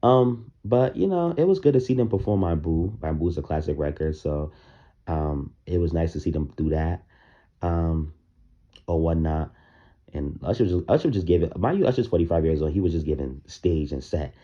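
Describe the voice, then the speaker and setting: A man's voice: rumbling low, animated, moderate pace, warm tone. A man giving casual, opinionated commentary on music, talking loosely with plenty of fillers, in his morning voice. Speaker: music reaction vlogger. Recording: dull lo-fi recording.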